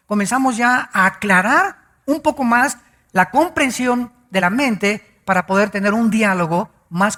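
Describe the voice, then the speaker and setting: A male pastor preaching a sermon emphatically, drawing out key words slowly and telling the congregation to write things down. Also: very high-pitched, pushed and bright. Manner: addresses the congregation directly, asking them to note things down.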